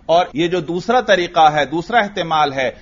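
A man's voice: fairly high pitch, animated, fairly bright tone, muffled recording. A man teaching a lecture class, explaining step by step and asking himself questions before answering them. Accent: Urdu. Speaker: teacher of Arabic grammar.

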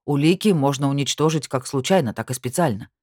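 A woman voicing a cold, composed male journalist in an audiobook, speaking in calm, clipped phrases. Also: a bass voice, a little fast, dry recording, clean studio sound. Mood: cold, firm. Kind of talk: audiobook character voice.

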